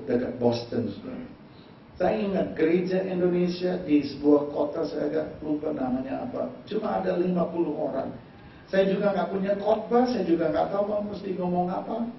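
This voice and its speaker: A male pastor preaching a sermon, telling a story with lively voice play. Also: on the high side, vocal fry, slight background noise. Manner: animated storytelling, mixing Indonesian and English, acting out voices. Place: church hall. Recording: echoey church hall, mic far off, dull sound.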